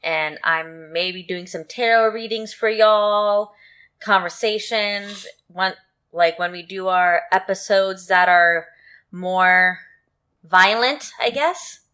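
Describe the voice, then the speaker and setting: A woman's voice: mid-range voice, takes it slowly, bright, forceful tone, clean tone. A woman co-hosting a casual podcast chat, sleepy and yawning, with playful teasing banter. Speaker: podcast co-host.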